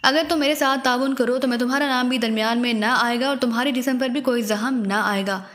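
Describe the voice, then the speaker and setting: A woman's voice: a little high, fairly quick, fairly bright tone, natural voice. A woman voicing a cold, menacing male intelligence major with an icy, threatening manner. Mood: firm. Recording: long reverberant echo.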